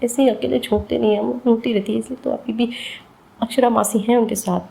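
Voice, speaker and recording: A woman's voice: fairly high pitch, steady tone, brisk, creaky, dark tone, voice pushed up, poor audio. A woman voicing a hurt young daughter who presses blunt, bitter questions in a storybook reading. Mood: pleading.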